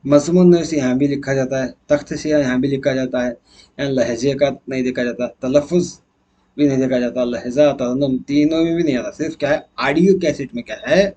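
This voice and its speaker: A man's voice: mid-range voice, fairly even intonation, mellow. A man teacher going through exam questions one by one, asking and answering his own questions as he explains. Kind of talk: exam answer key walkthrough.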